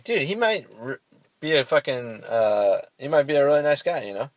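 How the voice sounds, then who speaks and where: A man's voice: on the low side, dry recording. A young man giving a casual, rambling self-help monologue, full of fillers and swearing. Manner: rambling, profane, with many fillers. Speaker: vlogger.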